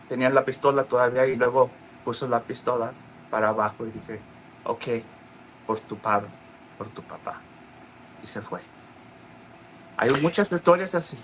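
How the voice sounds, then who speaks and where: Halting man with a bright voice. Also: medium pitch, slight background noise, rough recording. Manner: halting, many restarts and fillers, acts out quoted voices. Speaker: interview guest. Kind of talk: casual storytelling interview.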